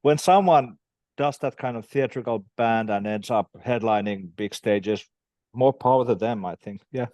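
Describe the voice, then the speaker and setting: A man in a casual conversation about music, enthusiastic and halting, with frequent restarts. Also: mid-range voice, a little mellow, dry recording. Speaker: interviewer, band member.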